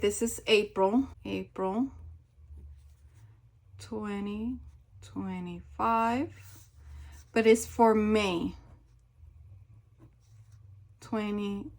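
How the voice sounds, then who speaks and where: A woman talking casually as she fills out her budget sheets, chatty and repeating herself, laughing at herself now and then. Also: mid-range voice. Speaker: budgeting vlogger. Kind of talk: casual talk while filling out budget sheets.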